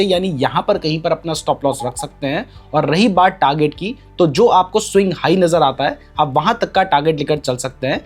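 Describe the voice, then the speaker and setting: In a slightly rough voice on the high side, a man teaches a trading strategy over a chart tutorial. He points to things on screen as he explains, slipping English terms into his Hindi.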